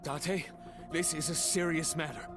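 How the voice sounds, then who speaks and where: An actor playing a grave, careful male colleague in a video game, speaking in a serious, measured and hesitant way. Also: a little high, steady tone, over music, natural voice.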